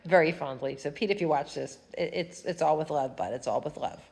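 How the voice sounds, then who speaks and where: This woman's low voice is expressive, creaky, and a little mellow, moving at a moderate pace despite her stuffy nose. As a fiber arts vlogger giving a casual knitting tutorial at home, she chats and rambles, humming as she works.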